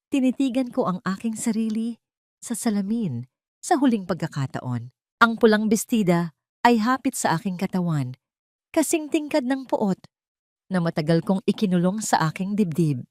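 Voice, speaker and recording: A woman's voice: mid-range voice, dark tone, dry recording, clean studio sound. A woman narrating a dramatic first-person story in a tense, suspenseful, emotional way.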